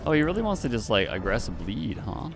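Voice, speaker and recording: Loud music runs under this gaming YouTuber's voice, which is mid-range, gravelly, and sing-song, moving a little fast. He chuckles frequently while giving light, playful commentary on his gameplay and greets the players he meets.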